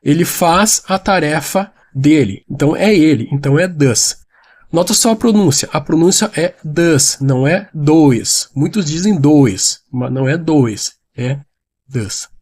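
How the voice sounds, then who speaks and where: High-voiced man teaching English. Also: expressive, normal speed, darkish tone. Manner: explanatory, repeats points, addresses viewer directly. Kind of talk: online English lesson.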